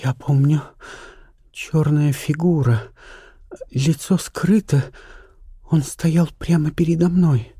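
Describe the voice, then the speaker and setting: A man's voice: on the high side, fairly even intonation, slow, pauses often, dark tone, husky, no echo, studio quality, pitched above the performer's own voice, heavily acted. A man voicing a frightened young actress. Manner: trembling, breathless, half-whispered. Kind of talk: audiobook character reading.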